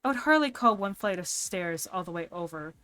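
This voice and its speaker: A woman doing a shy, deep-voiced neighbor. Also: lively intonation, brisk, pushed and bright, smooth. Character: deeper-voiced neighbor, polite and clumsy.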